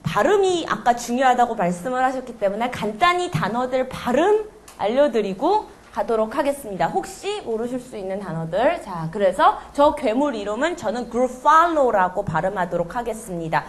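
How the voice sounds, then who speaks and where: A woman's voice: fairly high pitch, sing-song, moderate pace. A woman presenting at a storytelling workshop, chatting as she explains words and repeating each one for practice. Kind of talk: teaching pronunciation before a storytelling demo. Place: classroom.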